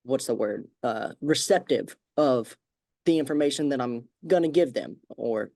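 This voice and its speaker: A man hosting a podcast, talking casually and relaxed with many fillers like "like". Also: mid-range voice, normal speed, dry recording, clean studio sound. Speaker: podcast host. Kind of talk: casual conversation.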